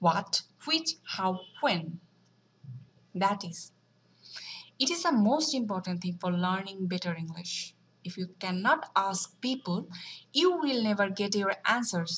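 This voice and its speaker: A woman teaches English to complete beginners. She explains in Bengali, then drops into slow, deliberate English, spacing out each phrase of her tips. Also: medium pitch, expressive, fairly bright tone, breathy edge, low-quality recording. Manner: switches between Bengali and slow careful English.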